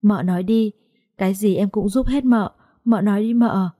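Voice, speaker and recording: Scared teary young woman, voice trembling, mellow tone, as the narrator puts her on. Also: medium pitch, fairly even intonation, moderate pace, dry recording, clean studio sound, close to an everyday voice. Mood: shaken, tearful. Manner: trembling, broken questions. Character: frightened young woman, tearful and pleading.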